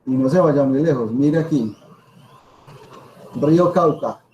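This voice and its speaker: A man's voice: medium pitch, slow, warm tone, muffled recording, slight background noise. A man with a Colombian accent giving an informal lecture as a professor, emphatic, repeating himself and asking rhetorical questions. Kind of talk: informal spoken lecture to students.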